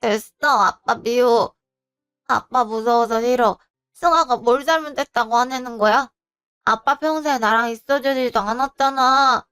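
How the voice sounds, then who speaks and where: A woman voicing a hurt young girl who accuses her father in sulky, tearful tones, in an animated storybook. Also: a little high, a little slow, smooth, faint music behind. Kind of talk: storybook voice acting.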